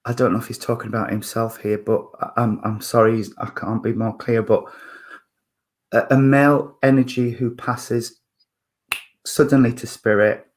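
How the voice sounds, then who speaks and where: A man in his fifties gives a spiritualist mediumship reading in a husky, mid-range voice and a flat delivery. He halts often, thinking aloud with plenty of fillers and restarts.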